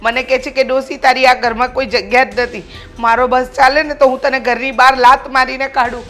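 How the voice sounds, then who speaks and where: A woman's voice: high-pitched, fairly even intonation, a little fast, a bit bright, soft background music. An older woman playing a scheming self-pitying mother-in-law. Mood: complaining tearfully. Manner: wailing self-pity, accusing. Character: scheming old widowed mother-in-law, fake tears. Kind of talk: village family drama.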